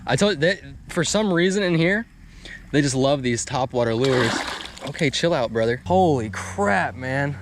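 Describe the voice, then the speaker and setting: Out by the water, another fishing vlogger talks in a relaxed way, full of frat-bro slang and excited exclamations as he films. He speaks at a medium pitch and moderate pace, with clear outdoor background noise in the recording.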